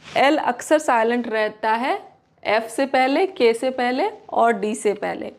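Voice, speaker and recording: A woman teaching English pronunciation in a Hindi-English lesson, reading each rule slowly and repeating example words. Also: on the high side.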